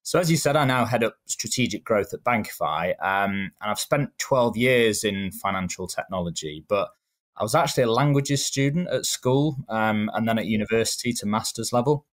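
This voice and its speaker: A man in his thirties with a Manchester accent, answering interview questions in a measured, explanatory way with frequent ums. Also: fairly low pitch, lively intonation. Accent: Manchester English. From England. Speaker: guest.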